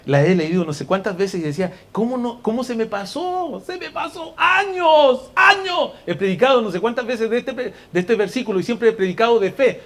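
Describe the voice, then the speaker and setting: A high-pitched man delivers a fervent church sermon. He speaks to the congregation as brother and dear one, and his voice swings from soft, intimate asides to loud, shouted exhortation. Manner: addresses listeners directly as brother and dear one. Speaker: pastor.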